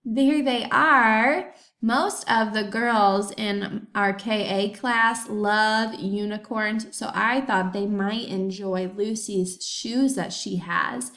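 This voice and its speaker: A woman teaching a kindergarten class remotely, reading sentences slowly and sounding out words for young children. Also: mid-range voice, steady tone, fairly bright tone.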